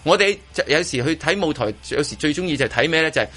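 A radio host with a Hong Kong Cantonese accent reviews a performance in casual chat from the studio, often repeating words and restarting. His voice is on the high side, animated, and racing, with a bright, forceful tone.

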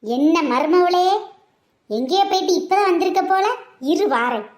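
A woman's voice: sits high, animated, normal speed, reverberant. A woman voicing a nosy, grumbling older mother-in-law in a village comedy skit, scolding and muttering to herself. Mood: suspicious.

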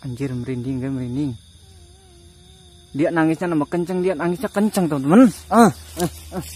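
A man's voice: fairly high pitch, brisk, mellow, slightly rough. A man filming a ghost hunt outdoors at night, nervously muttering prayers and talking to an unseen spirit. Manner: jittery, repeats prayers under his breath, talks to unseen ghost. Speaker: ghost-hunting vlogger. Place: outdoors at night among trees.

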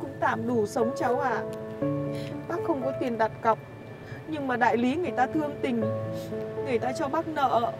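A woman's voice: sits high, normal speed, long pauses, close to an everyday voice. An actress playing a poor elderly woman who sells lottery tickets, pleading and tearful, in a melodramatic web drama. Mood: humble. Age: older. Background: loud music.

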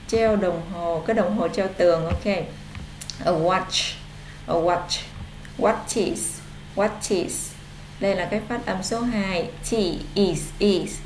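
A woman English tutor speaks at an unhurried, deliberate pace, stretching out each model word before explaining it. Her voice carries in an echoey room with faint noise behind it. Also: fairly low pitch. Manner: slow, drawn-out model pronunciation alternating with explanation. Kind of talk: online English vocabulary lesson.

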